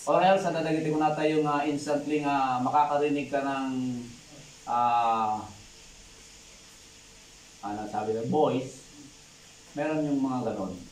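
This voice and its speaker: A man speaking slowly and hesitantly in casual talk about faith, switching between languages. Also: mid-range voice, fairly even intonation. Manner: slow, hesitant, code-switching. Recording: echoey room, distant mic, faint noise.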